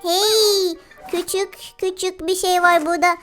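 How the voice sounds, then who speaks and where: A woman hosting a children's game video talks in an extremely high, fairly bright voice, unhurried and with fairly even intonation. Her playful commentary is full of coos, exclamations and giggles as she addresses animals and young viewers. Background music plays.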